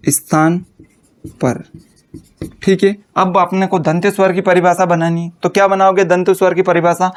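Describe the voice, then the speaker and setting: A young man, teaching a class, asking questions and answering them himself, slowing down to dictate notes. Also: sits high, smooth. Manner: dictates slowly while writing notes. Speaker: Hindi teacher. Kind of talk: classroom lecture.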